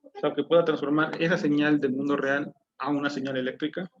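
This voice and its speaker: A man's voice: fairly high pitch, fairly even intonation, a little fast. A man teaching an online class, explaining step by step and putting questions to his students. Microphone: low-quality computer mic. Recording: dull lo-fi mic audio.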